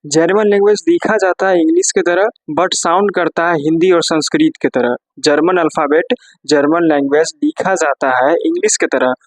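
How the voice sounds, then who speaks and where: A man from India giving a casual spoken lesson, repeating each letter slowly and drilling the sounds one by one. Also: fairly high pitch, expressive, dry recording, poor audio. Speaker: German language teacher.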